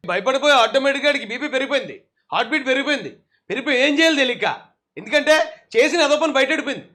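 Sarcastic high-voiced male commentator. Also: animated, rapid-fire, bright, forceful tone. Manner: sarcastic, scolding, often laughing. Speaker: political commentator. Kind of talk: mocking video commentary.

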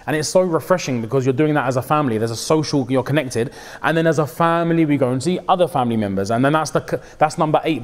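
A man's voice: fairly high pitch, big-room sound. A man giving an informal, conversational sermon, often acting out what people say. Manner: conversational, animated, acts out quotes and mixes in religious phrases. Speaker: Islamic preacher.

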